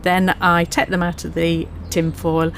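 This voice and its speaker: A woman's voice: fairly low pitch, flat delivery, unhurried, a little hiss or hum. A woman co-hosting a casual allotment podcast, chatty and laughing easily. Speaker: podcast co-host. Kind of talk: casual chat.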